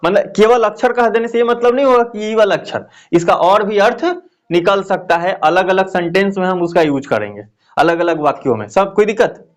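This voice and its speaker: With a high voice, a man gives a classroom grammar lecture. He takes his time explaining, says key phrases more than once and keeps putting questions to his students.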